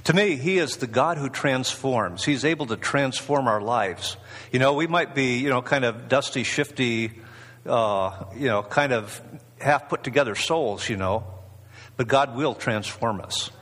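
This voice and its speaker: Male preacher, husky mid-pitched voice, casual rambling delivery, long hall echo. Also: a little slow, a bit bright. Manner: rambling, conversational, many fillers and restarts. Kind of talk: informal sermon.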